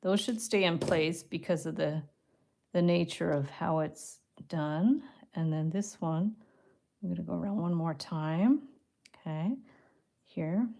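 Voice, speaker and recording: A woman's voice: on the low side, a little slow, gravelly. Woman murmuring through a craft demo. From Canada. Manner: chatty, drops to a soft murmur or whisper while concentrating on her hands. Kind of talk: live craft tutorial, thinking aloud while working.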